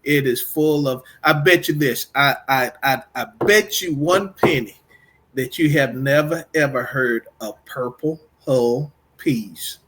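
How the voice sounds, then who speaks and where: A man's voice: mid-range voice, a little slow, a bit bright, slight background noise. A middle-aged man from Texas hosting a casual radio interview, rambling and repeating himself in an upbeat way. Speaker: podcast and radio host.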